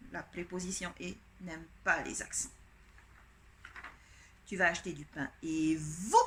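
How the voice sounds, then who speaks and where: A woman's voice: medium pitch, bright, forceful tone, slight background noise. A woman primary school teacher giving a dictation lesson to children, patiently spelling out each letter and pen stroke step by step. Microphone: home recording for an online class.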